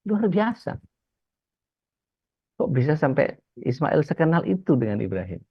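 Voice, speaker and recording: A man's voice: on the high side, big pitch swings, measured pace, slightly rough, no room sound. A male Islamic preacher giving a casual religious talk, telling stories and acting out the voices of the people in them. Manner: storytelling, acts out quoted characters. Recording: dull, dry lo-fi sound.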